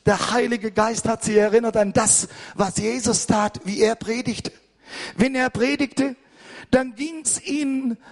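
An older man preaching an impassioned sermon as pastor, hurried and fervent, at times rising to a shout. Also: very high-pitched.

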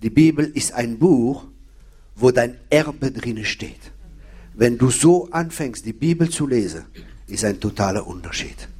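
Speaking a little slowly, a preacher gives an expressive sermon in a mellow, slightly rough, medium-pitched voice. He stresses and repeats key phrases emphatically and questions the audience directly.

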